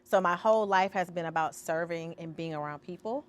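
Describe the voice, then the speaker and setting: A woman artist appears as a podcast guest in an interview conversation, telling stories expressively and acting out the voices of the people she quotes. Her voice is fairly low-pitched and she speaks a little fast.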